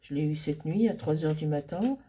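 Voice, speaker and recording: A middle-aged woman crafter talking casually through a paper-crafting project, chatty and hesitant, with many pauses and fillers. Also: deep voice, mellow, breathy edge.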